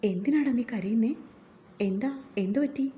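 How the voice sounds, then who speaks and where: Gentle coaxing young husband, woman doing him, highish and mellow, story reading. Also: moderate pace, muffled recording, a little hiss or hum, lightly acted. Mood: tender. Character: caring young husband, tender and soothing.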